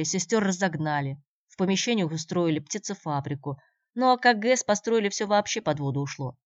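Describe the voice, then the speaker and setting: A woman voicing a calm, persistent young man who talks in a measured, dry way, in a dull, dry recording. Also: lowish voice, no room sound, lightly acted.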